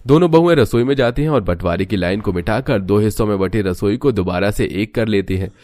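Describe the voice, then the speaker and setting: A man's voice: fairly low pitch, fairly quick, no room sound. A man giving scripted narration for a cartoon story. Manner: even storytelling.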